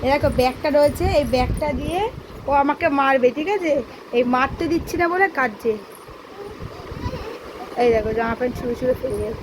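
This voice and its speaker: A woman's voice: sits high, brisk, pauses often, background noise. A young woman, chatting to viewers at home in a casual vlog and scolding her child. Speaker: vlogger. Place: home, indoors.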